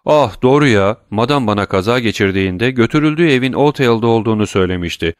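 A man's voice: medium pitch, animated, fast talker, smooth, dry recording, studio quality, lightly acted. A man reading an audiobook, voicing a proud, uneasy royal prosecutor who speaks formally and breaks into tense exclamations.

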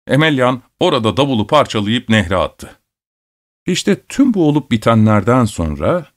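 A man narrating a folk tale in a steady, measured reading voice. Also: medium pitch.

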